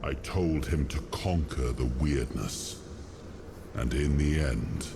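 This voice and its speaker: A man's voice: very deep voice, slow, gravelly, noisy background, heavily acted. An actor playing a weary, burdened noble king in a video game cutscene, speaking with grave, solemn deliberation. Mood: somber, reflective. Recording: loud music behind the voice. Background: music.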